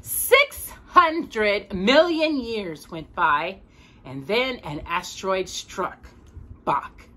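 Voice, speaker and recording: In a small room with bookshelves, a middle-aged woman gives an animated read-aloud of a picture book to a child, hosting storytime with a swooping, lively delivery. Her medium-pitched voice sounds bright and forward, and she lingers over each phrase, hitting important words with expressive, emphatic stress. A faint hiss or hum sits under the recording.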